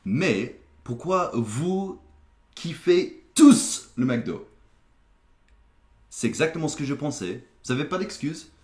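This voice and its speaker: A man with an American accent trades teasing, mock-indignant jabs in a comedy sketch. He is a native English speaker, and his fairly high voice swings up and down a lot. The sound bounces around an echoey room. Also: very animated, takes it slowly, long pauses, darkish tone. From United States. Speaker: host.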